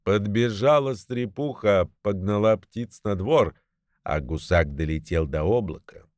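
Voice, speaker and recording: Man reading a fairy tale, slow pace, lively pitch, dry close sound. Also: no room sound. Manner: slow, expressive storytelling. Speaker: storyteller. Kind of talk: reading a Russian folk tale aloud.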